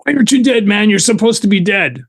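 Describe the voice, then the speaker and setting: A man doing a jumpy, high-pitched gunman. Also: animated, a little fast, darkish tone. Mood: bewildered. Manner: high, strained disbelief. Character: agitated male gunman, jumpy and bewildered.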